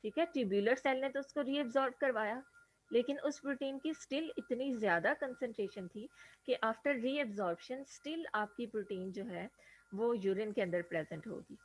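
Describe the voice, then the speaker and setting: A woman's voice: on the high side, normal speed, no room sound, poor audio. A woman lecturer explaining a diagram in a classroom lecture. She asks rhetorical questions and keeps checking in with her students. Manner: mixes English terms into Hindi explanation.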